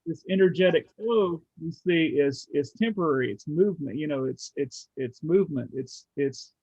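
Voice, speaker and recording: A man on a video call in a casual group discussion, speaking haltingly with many restarts as he thinks aloud. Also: fairly high pitch, a little mellow, slightly rough, no echo. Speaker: study group member. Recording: muffled video call audio.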